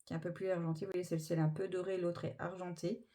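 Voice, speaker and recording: A woman's voice: on the low side, little pitch movement, rapid-fire, dark tone. A woman chatting casually through a makeup tutorial, gushing with enthusiasm over each product. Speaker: beauty vlogger.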